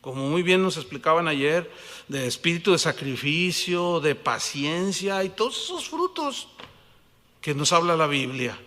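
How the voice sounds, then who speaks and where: A man with a Mexican Spanish accent preaching a sermon, animated, asking the congregation questions and acting out little dialogues. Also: on the high side, a little slow, big-room sound.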